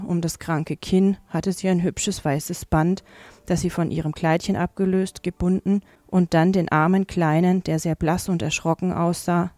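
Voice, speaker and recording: A woman narrating a classic fairy tale in a calm, measured reading voice. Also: fairly low pitch, no echo. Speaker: audiobook narrator. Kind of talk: scripted storybook narration.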